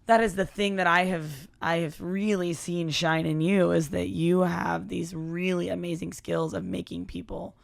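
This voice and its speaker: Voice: mid-range voice, steady tone, normal speed, creaky, few pauses. A podcast host in casual chat, affirming and talking with many "like" fillers.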